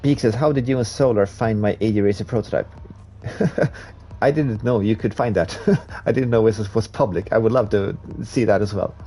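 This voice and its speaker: This man speaks in a lowish, mellow voice at a moderate pace, and faint music plays behind him. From Sweden and a Swedish native speaker talking in English, he races on a live stream, chatting with viewers, reading the chat and laughing at himself.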